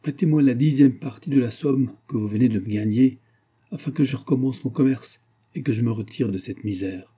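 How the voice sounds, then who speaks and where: A man voicing a ruined, desperate old gambler who pleads and then confesses gravely, in an audiobook reading. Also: medium pitch, brisk, warm tone, lightly acted. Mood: pleading.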